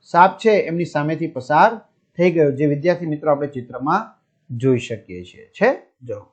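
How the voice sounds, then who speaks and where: On a dull, lo-fi recording, a teacher reads a story to his young students at normal speed, his fairly high voice full of lively intonation. After each line he puts it into simpler words and checks that his listeners are following.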